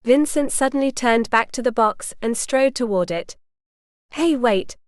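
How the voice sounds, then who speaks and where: A woman narrating a first-person novel for an audiobook in a wry, lively storytelling manner, close to the mic. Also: fairly high pitch, moderate pace, smooth, dry recording.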